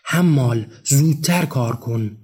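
A man's voice: medium pitch, darkish tone, slightly rough, faint music behind, lightly acted. A man voicing a bitter young male laborer, barking harsh commands and insults.

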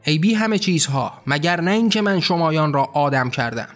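A man's voice: on the high side, expressive, fairly bright tone, faint music behind. A man voicing a wrathful, ranting male god who bellows scornful tirades in a storybook reading. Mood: raging.

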